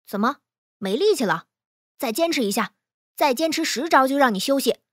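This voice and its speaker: A woman voicing a playful, easygoing young male swordsman who coaches briskly with teasing encouragement. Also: high voice, lively intonation, no echo, studio quality. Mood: coaching.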